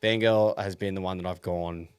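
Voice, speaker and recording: Low-pitched Australian man in casual banter. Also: steady tone, normal speed, clean tone, dry recording, clean studio sound. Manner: blokey, slangy, sweary. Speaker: podcast co-host.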